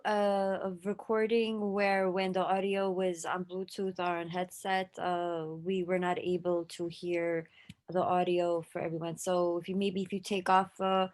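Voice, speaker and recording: A woman hosting an online event, patiently explaining how to fix an audio problem on a video call. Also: mid-range voice. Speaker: event host. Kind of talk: online meeting troubleshooting.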